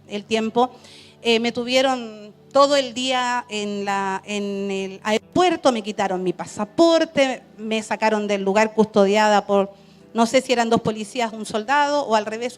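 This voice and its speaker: A woman missionary, telling her story to a church in a lively way, with laughs and acted quotes. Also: fairly high pitch. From Chile. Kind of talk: testimony in a church service.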